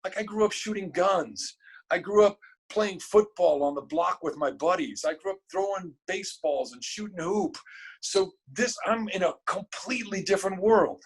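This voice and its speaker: A man, a guest in an interview, telling a story in a casual, animated and emotional way, cursing freely. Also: high voice, normal speed, husky, rough recording.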